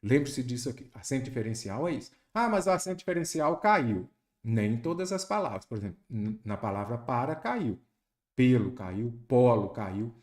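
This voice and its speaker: Emphatic Brazilian Portuguese teacher. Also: male voice, medium pitch, normal speed. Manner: lively, emphatic, quizzing the viewer. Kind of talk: exam prep lesson.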